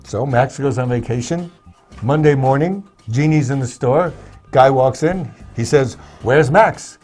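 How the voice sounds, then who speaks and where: A man's voice: medium pitch, measured pace, mellow, soft background music. A man co-hosting a talk show in casual chat, teasing his partner with playful banter. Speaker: co-host.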